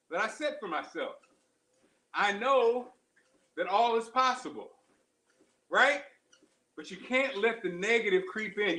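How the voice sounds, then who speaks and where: A man with a high, bright voice talks while running on a treadmill in a roomy, echoing space. He gives a casual motivational pep talk like a show host, in short exerted phrases, repeating key lines with firm emphasis. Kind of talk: casual motivational livestream chat. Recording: roomy, echoing live-stream sound.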